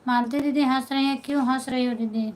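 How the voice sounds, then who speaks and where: A woman's voice: sits high, fairly even intonation, brisk, a little mellow, slight background noise, poor audio. A woman folk singer with an Awadhi-flavored Hindi accent hosting a phone live stream, chatting familiarly with viewers, greeting them by name and reading their comments aloud. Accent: Awadhi-influenced Hindi.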